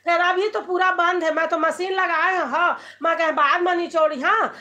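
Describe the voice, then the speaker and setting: A woman's voice: very high-pitched, steady tone, moderate pace, pushed and bright, lo-fi sound. A middle-aged woman with a Chhattisgarhi accent, hosting a casual live stream from home, chatting with viewers and reading out their comments. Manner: chatty, switching between Hindi and dialect, reading out comments.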